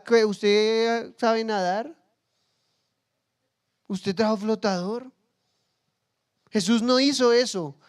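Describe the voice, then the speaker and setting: A pastor delivers a sermon in a high, clear and resonant voice. He is playful, slipping into quick impressions of everyday people to make his point. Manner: humorous, acts out everyday scenes in quoted voices.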